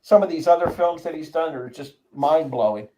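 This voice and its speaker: A man's voice: a little high, fairly quick, mellow, a little hiss or hum, low-quality recording. An older man hosting a casual chat about films, enthusiastic and opinionated. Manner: enthusiastic, opinionated movie talk.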